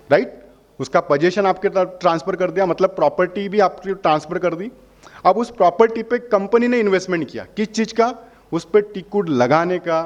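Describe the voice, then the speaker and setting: A man's voice: high voice, dull audio. Persuasive man explaining a membership. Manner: persuasive, asks questions and answers them himself. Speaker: holiday membership company representative. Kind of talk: explaining a sales pitch to customers.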